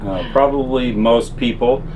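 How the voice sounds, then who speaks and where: A man's voice: medium pitch, measured pace. A man giving a casual, folksy, explanatory product demonstration inside a small RV. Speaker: presenter of RV living gear tips. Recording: constant air-conditioner-like background noise.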